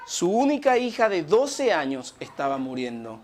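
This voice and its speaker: A man with a Chilean accent preaching a sermon, swinging from loud to hushed. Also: high voice, big pitch swings, normal speed. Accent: Chilean Spanish.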